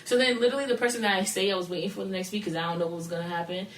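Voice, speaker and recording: A young woman in her twenties telling a story on a podcast in a casual, animated, slangy way, laughing as she goes. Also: medium pitch, very fast. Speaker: podcast guest. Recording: roomy, distant mic with faint noise.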